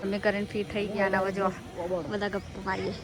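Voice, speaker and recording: A woman's voice: medium pitch, monotone, fast. A woman vlogger chatting to her viewers on a handheld phone, calling them guys as she goes about a busy home gathering. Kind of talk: casual vlog chat. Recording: phone vlog with crowd chatter.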